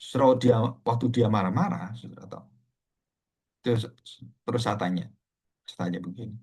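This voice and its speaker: Brief: middle-aged pastor, husky voice, chatty sermon that keeps turning to the congregation. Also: male voice, lowish voice, moderate pace, a little mellow. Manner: conversational, addresses listeners as "saudara".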